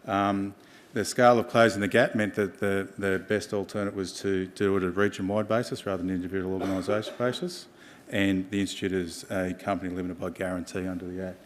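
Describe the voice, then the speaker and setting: A man with an Australian accent giving an informal presentation in a halting way, with many ums and pauses. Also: low voice, flat delivery, slight background noise. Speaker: health organisation presenter.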